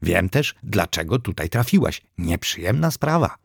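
A man voicing a small, self-satisfied male hamster who believes he is a god, speaking solemnly with a gravelly voice. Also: low-pitched, big pitch swings, moderate pace, no echo, clean studio sound, full character voice.

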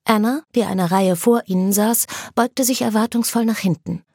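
A woman narrating a story with an even storytelling delivery. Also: mid-range voice, moderate pace, husky, no room sound, studio quality. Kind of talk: scripted narration.

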